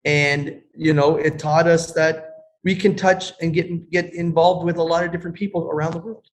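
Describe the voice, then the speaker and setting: Earnest, halting man. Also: fairly high pitch, little pitch movement. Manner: earnest, halting, many restarts. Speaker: guest, karate school owner. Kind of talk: casual interview chat.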